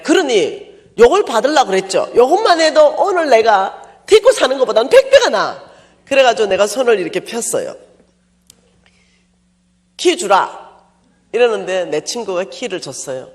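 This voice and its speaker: A woman pastor telling a personal story in a sermon, animated and self-mocking. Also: medium pitch, normal speed.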